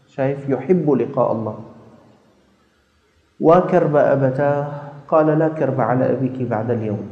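A man's voice: mid-range voice, mellow. A man preaching a sermon, telling stories and acting out dialogues as he exhorts his listeners. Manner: storytelling, quoting dialogues, exhorting. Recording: echoey hall, dull lo-fi sound.

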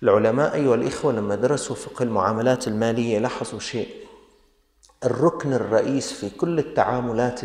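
A man's voice: mid-range voice, a little mellow. A man with a Levantine Arabic accent preaching a sermon, scolding his listeners with pointed rhetorical questions. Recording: echoey hall.

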